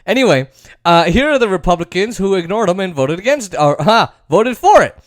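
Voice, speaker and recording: A man riffing through casual political commentary, sarcastic and excitable. His voice sits fairly high and swings widely in pitch, and the recording is dry and close, with no room sound. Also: a little fast, no room sound. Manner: sarcastic, excitable, jumps into mocking impressions.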